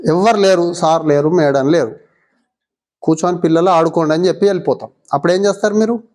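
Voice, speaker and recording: Fast and fairly low, with a darkish tone, this is a woman's voice with a Telangana Telugu accent. As a visiting mindfulness teacher, she teaches young schoolchildren in class, coaxing them along with lots of brief questions.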